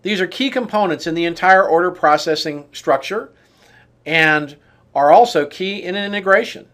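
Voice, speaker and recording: With a high-pitched voice, this software trainer reads scripted instructions, explaining things in a measured manner and going through lists item by item.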